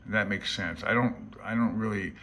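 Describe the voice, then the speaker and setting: A man with a fairly low, husky voice speaks fairly quickly in a bright, forceful tone. An amateur radio hobbyist and vlogger, he pages through a handbook and gives casual, rambling commentary on it, plain-spoken and self-deprecating, presenting himself as a hobbyist rather than an expert.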